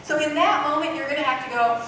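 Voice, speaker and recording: A woman giving a parenting workshop to a live group, animated, acting out parent and child voices. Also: high voice, far from the mic, slight background noise. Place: workshop room. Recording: echoey room recorded from afar.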